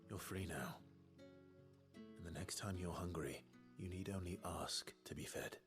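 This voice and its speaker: A man voicing a grave young swordsman in a video game, speaking in a low, steady, husky voice. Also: a little slow, music in the background. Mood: calm, gentle.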